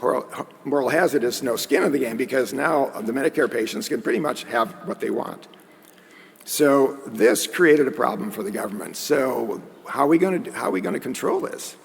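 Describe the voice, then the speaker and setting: A man's voice: medium pitch, moderate pace, gravelly, breathy edge. A man giving a conference lecture in a conversational way, with joking asides. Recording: long hall reverb.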